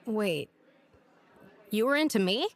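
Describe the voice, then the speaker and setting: A woman's voice: medium pitch, normal speed, natural voice. Actress as a blunt young woman with a dry, teasing, direct delivery, for an audio drama. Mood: earnest. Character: blunt, sarcastic young woman, grieving sister. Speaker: [name].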